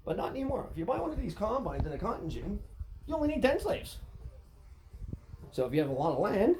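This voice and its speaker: A man's voice: high-pitched, wildly swooping pitch, quick pace, mellow, faint music behind, low-quality recording. A man delivering a sarcastic, rambling, profane comedy rant as host.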